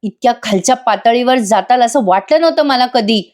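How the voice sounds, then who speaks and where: Furious middle-aged wife, accusing and sharp, read by a woman narrator. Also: fairly high pitch, animated, fairly quick, lightly acted. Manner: accusing, shouting.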